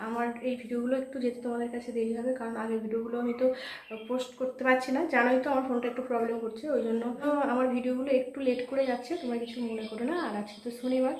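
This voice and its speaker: Fast-chatting hoarse woman vlogger. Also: fairly high pitch, level tone, a little mellow, echoey room, rough recording. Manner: chatty, addresses viewers as friends. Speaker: home cooking vlogger. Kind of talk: casual chat to viewers while cooking. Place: home kitchen. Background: frying and sizzling.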